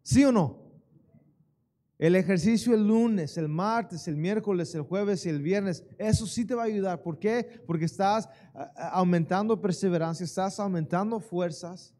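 A man preaches a church sermon in a high, bright voice. He takes his time, throwing questions to the congregation and waiting for them to respond. The delivery is that of a pastor at the pulpit. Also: measured pace. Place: church sanctuary.

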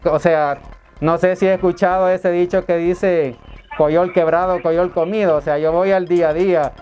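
A man's voice: high voice, fairly even intonation, moderate pace, darkish tone, faint music behind. Polite Salvadoran man, hesitant on a call. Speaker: caller, prospective customer. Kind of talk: phone conversation. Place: indoors, small room. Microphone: lapel mic.

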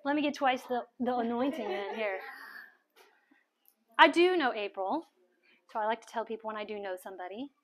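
A middle-aged woman minister praying over people at a house meeting, soft-spoken and coaxing, often repeating her phrases. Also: a little high, normal speed, pauses often. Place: large living room full of people.

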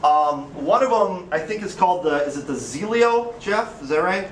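A man's voice: high voice, animated, moderate pace, a little hiss or hum. A man with an Upper Midwest American accent teaching a classroom lecture, chatty and casual, often asking the class questions. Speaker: instructor. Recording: echoey classroom from far off.

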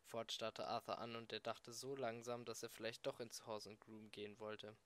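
A man narrating an amateur audiobook in a plain, even storytelling read. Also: lowish voice, normal speed. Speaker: audiobook reader.

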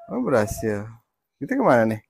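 A man's voice: mid-range voice, wildly swooping pitch, normal speed, vocal fry, slight background noise. A middle-aged man, chatting casually while playing an online game with his child and keeps asking questions to guide them along. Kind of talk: casual gameplay chat.

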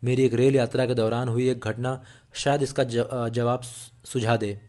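Male narrator, mid-pitched, steady earnest audiobook read with the odd slip. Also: moderate pace. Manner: steady, earnest reading with small slips and restarts.

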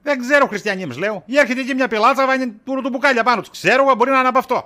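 In this comedy sketch, the character is a tired, evasive, middle-aged shopkeeper husband, voiced by a man in a bright, high pitch. Exasperated and drained, he sidesteps accusations with sarcastic wisecracks from start to finish.

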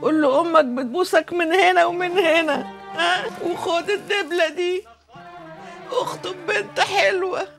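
Brief: sentimental mother, high voice, tearful and wistful. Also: moderate pace, gravelly, fairly bright tone, faint music behind, full character voice. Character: emotional mother wishing for her son's bride.

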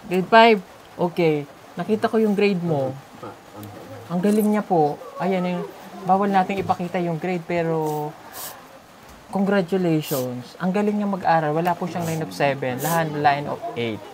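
A woman's voice: lowish voice, moderate pace, darkish tone, a little hiss or hum. Chatty, coaxing woman vlogger. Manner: coaxing, teasing, lots of questions. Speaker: vlogger visiting a sponsored child. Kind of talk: casual vlog chat. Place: at a rural family home.

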